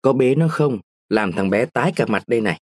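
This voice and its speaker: A young mother, gentle and sorrowful with a sharp scolding edge, played by a male narrator. The voice is husky and the recording is dry. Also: medium pitch, lively intonation, fairly quick, no echo, lightly acted. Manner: soft, sad, sometimes sharp.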